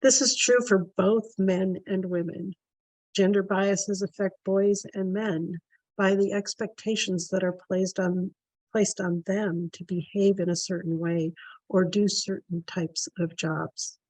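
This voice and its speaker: Woman moderator, slow, deliberate read, dry close sound. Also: medium pitch, fairly even intonation, darkish tone, no room sound, low-quality recording. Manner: slow, measured delivery. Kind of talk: prepared presentation.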